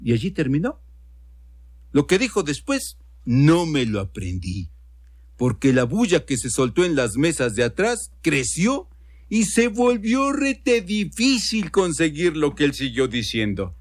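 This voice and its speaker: Mexican male storyteller, conversational radio reading, slightly high voice. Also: sing-song, measured pace, no room sound, clean studio sound.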